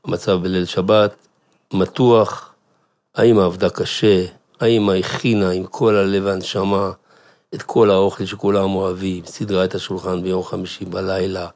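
A rabbi telling a family story to listeners, with an animated manner and questions put to the audience. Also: male voice, sits low. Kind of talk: storytelling talk.

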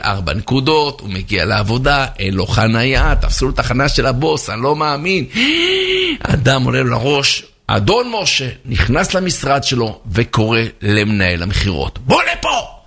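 A man, a rabbi, telling a parable in a sermon, animated, with sound effects and acted voices. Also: mid-range voice, vocal fry. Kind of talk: storytelling sermon.

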